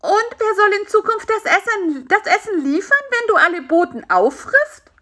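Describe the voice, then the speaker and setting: A woman voicing a cheeky, bossy little male fly in a children's audiobook, talking high and excitedly. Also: moderate pace. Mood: indignant.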